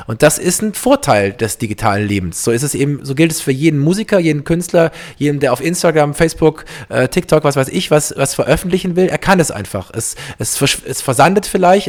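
A man chats as a podcast host in a slightly raised voice. He rambles freely, full of fillers and restarts, and laughs easily. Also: fairly high pitch. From East Belgium. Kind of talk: casual podcast chat. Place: podcast setup, Berlin.

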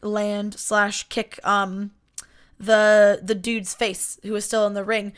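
A woman's voice: mid-range voice, flat delivery, slow, clear, resonant tone. A woman co-hosting a podcast, chatting casually and animatedly about a wrestling match, full of fillers and asides. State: yawning and hiccuping. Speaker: podcast co-host.

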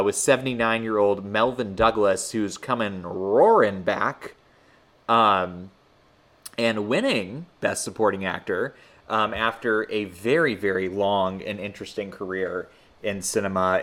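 A man with a fairly low voice hosts a podcast. He chats casually and rambles, often hesitating as he finds his way through a thought. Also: measured pace, a bit bright. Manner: hesitant, rambling, filler-heavy. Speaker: podcast host. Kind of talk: casual film-history chat.

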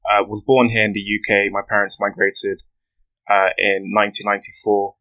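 Brief: young man, podcast guest, earnest and measured, lowish bright voice. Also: little pitch movement, highs cut off. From West London, UK. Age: 20s. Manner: earnest, measured storytelling with frequent "you know". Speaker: guest, aspiring barrister. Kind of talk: podcast interview.

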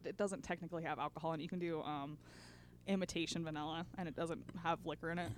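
A woman's voice: low voice, fairly even intonation, quick pace. Podcast host, woman, chatty and teasing, slight background hiss. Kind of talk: casual podcast chat.

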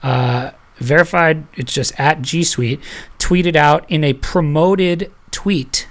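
A podcast host chats loosely with the panel, rambling between stories and laughing often. The voice sits at a middling pitch. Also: takes it slowly. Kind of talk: casual panel chat.

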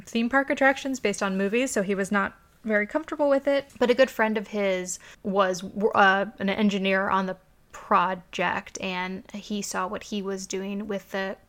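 A podcast host with a mid-range, fairly bright voice recounts a story in casual chat, speaking at a moderate pace with fairly even intonation. Her storytelling is full of "um"s and "like"s.

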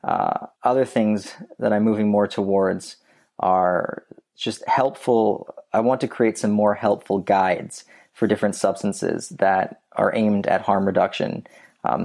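A man's voice: fairly low pitch, darkish tone. A man talking as a podcast guest in a casual, rambling way, with many restarts and fillers. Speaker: guest, YouTube creator.

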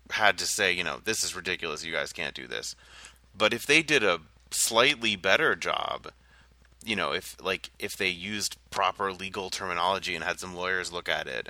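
A man's voice: low-pitched, bright, forceful tone, no room sound. A man co-hosting a casual political podcast, thinking aloud and hedging with "I think" and "like.". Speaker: podcast co-host.

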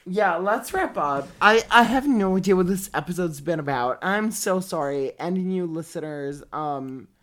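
A man's voice: high-pitched, expressive, moderate pace, a bit bright. A man who speaks English as a second language, chatting casually and bluntly as a podcast co-host, swearing freely. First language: not English. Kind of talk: casual chat.

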